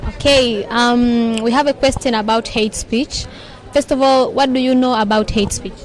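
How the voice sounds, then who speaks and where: A woman interviewing a passer-by on the street, posing careful, deliberate questions. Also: a little high, fairly even intonation, a little hiss or hum, rough recording.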